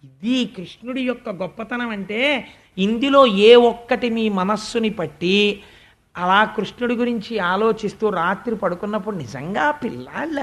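A man with a high-pitched voice giving a devotional discourse in a lively storytelling manner. He breaks into slow, measured recitation of verses. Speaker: spiritual discourse speaker.

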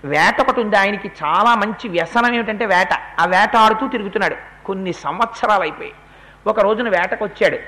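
A man giving a religious discourse who retells an epic story in an animated way and acts out the characters' speech. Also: high-pitched, fairly quick.

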